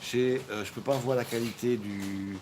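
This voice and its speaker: Speaking at normal speed in a mid-range voice with fairly even intonation, a man hosts a cooking live stream. He jokes with viewers and wanders off track, full of fillers and restarts. The phone mic recording has noisy background ambience.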